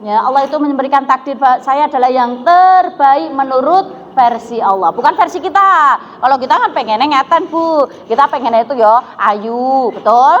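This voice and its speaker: A preacher with a Javanese accent gives a religious lecture to women, telling stories, asking the audience questions and mixing in Javanese. Her high, expressive voice keeps a normal speed with few pauses. The hall recording is dull and echoey, with faint noise.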